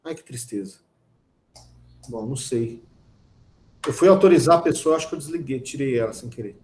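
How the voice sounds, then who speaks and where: A man with a Brazilian Portuguese accent teaching a lively online grammar class, talking straight to his students with teasing asides. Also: mid-range voice, normal speed, reverberant.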